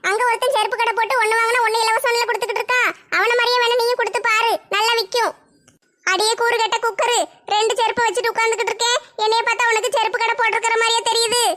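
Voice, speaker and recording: Woman, very high voice, bright tone, bickering village comedy skit, dramatic wailing. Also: flat delivery, racing. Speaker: skit performer voicing village women.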